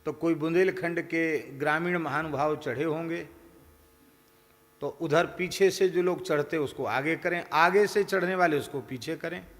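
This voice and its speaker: A man's voice: fairly high pitch, a little slow, big-room sound. A man giving a devotional discourse, telling stories and mimicking village characters in their voices. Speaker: spiritual teacher.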